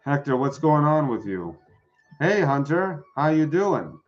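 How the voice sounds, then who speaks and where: A man's voice: on the high side, very animated, measured pace, lo-fi sound, soft background music. A man doing a live-streamed tarot reading, chatting with viewers and answering the chat. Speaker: tarot reader.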